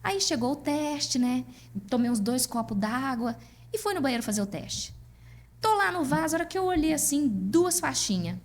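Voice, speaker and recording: A Brazilian woman, a podcast guest, telling a personal story in a lively way and acting out what people said. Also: high-pitched, normal speed. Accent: Brazilian Portuguese. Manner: lively, acts out dialogue in her stories. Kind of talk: personal storytelling in casual chat.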